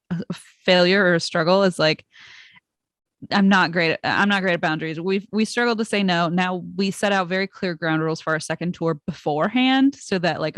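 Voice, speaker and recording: A woman guest in a casual video-call interview, animated and self-mocking, acting out what other people said. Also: lowish voice, no echo. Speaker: podcast guest.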